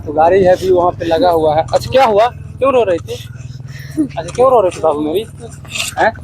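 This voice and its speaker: A high-pitched man with a Bhojpuri-tinged Hindi accent speaks to his phone camera outdoors, now coaxing and pleading, now turning to his viewers. Traffic and street noise stay clearly audible behind him. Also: lively intonation, brisk. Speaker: vlogger. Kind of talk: casual vlog to camera. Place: outdoors by a river near a road.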